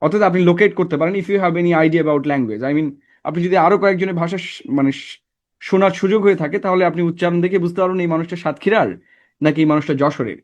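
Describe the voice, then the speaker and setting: A man's voice: on the high side, quick pace, muffled recording. Man lecturing a class. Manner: conversational, asks the class checking questions. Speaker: teacher.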